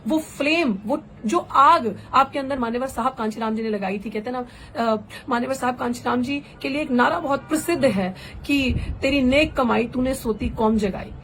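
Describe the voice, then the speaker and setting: Young woman, activist, impassioned address, fervent, rhetorical questions, higher voice, faint background hiss. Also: normal speed, fairly bright tone, rough recording. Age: young adult. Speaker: political activist.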